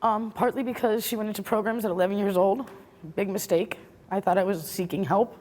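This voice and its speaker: Speaking a little fast with fairly even intonation, this middle-aged woman has a mid-range, slightly mellow voice. As a talk show guest she offers emotional testimony, sincere and full of regret, until challenges make her defensive.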